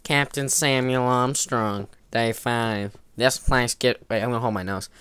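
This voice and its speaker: A man's voice: medium pitch, steady tone, a little slow, a bit bright, smooth, no room sound, pitched below the performer's own voice, close to an everyday voice. A man voicing a grim male explorer captain reading his log aloud in a pinched, nasal voice, holding his nose. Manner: solemn diary-reading delivery.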